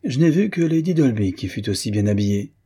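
A man's voice: medium pitch, animated, fairly quick, warm tone, breathy edge, voice pushed up. A male reader voicing a gushing, snobbish society man who praises everything English. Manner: effusive, admiring.

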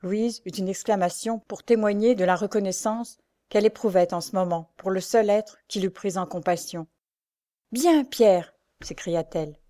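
A woman narrating a classic novel for an audiobook. Her reading is measured and expressive, and her voice sits at a middling pitch.

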